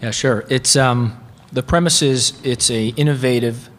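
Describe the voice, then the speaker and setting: A man's voice: mid-range voice, fairly even intonation, a little slow, a bit bright. A man, a physician guest on a live radio show, explaining a screening test earnestly with some fillers. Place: reception hall. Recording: long hall reverb from live venue.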